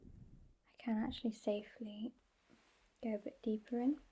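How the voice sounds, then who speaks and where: Slow breathy woman in ASMR role-play. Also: fairly high pitch, fairly even intonation. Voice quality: breathy, mostly unvoiced soft voice. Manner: gentle, slow, reassuring, close-up ear-to-ear soft-spoken. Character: gentle, reassuring female ear clinician examining a patient. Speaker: ASMR performer playing a medical examiner. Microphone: close ear-to-ear ASMR microphone.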